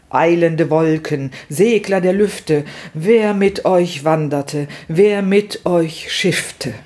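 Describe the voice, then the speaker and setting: A man reading aloud and voicing a jailed male smuggler who pleads in halting, broken phrasing. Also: sits high, a little mellow, pitched above the performer's own voice.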